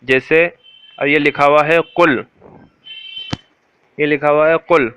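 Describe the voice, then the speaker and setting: A man teaching correct Quran pronunciation, patiently repeating words slowly and quizzing a listener. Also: fairly high pitch, level tone, a bit bright, clean tone, muffled recording.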